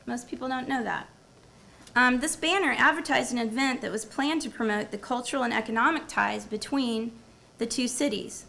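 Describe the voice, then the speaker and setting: Gravelly-voiced woman giving an academic talk. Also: on the high side, moderate pace, sharp tone, a little hiss or hum. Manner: engaging, quizzes the audience and repeats their answers. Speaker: university professor presenting at a symposium. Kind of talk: academic presentation with audience quiz. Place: lecture room before a live audience.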